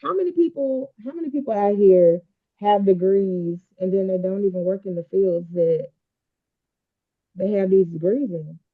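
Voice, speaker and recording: A woman's voice: medium pitch, moderate pace. A woman co-hosting a casual panel debate, talking frankly while her voice sounds muffled, as if heard through a wall. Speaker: podcast co-host. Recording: muffled, phone-like lo-fi mic sound.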